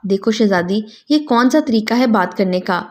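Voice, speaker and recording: A woman reading a gentle, patient young man. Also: mid-range voice, natural voice.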